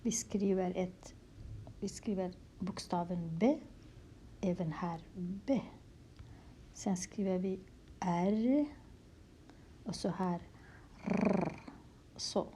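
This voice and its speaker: This language teacher's voice is fairly low and soft as she teaches Kurdish letter handwriting in Swedish. Patient and slow, she repeats words and often whispers, with a little hiss or hum in the background.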